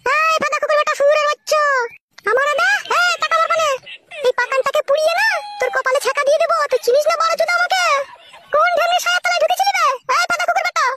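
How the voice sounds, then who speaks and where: A woman voicing a young village wife who screeches insults in rapid-fire scolding. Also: very high-pitched, sharp tone, no room sound. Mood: screaming abuse. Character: shrill foul-mouthed young village wife.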